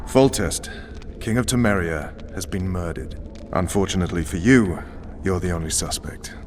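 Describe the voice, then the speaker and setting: An actor voicing a blunt, commanding tough-cop commander running an interrogation in a video game. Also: male voice, low voice, normal speed, noisy background, natural voice. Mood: stern, probing. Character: gruff tough male cop, stern special forces commander interrogating.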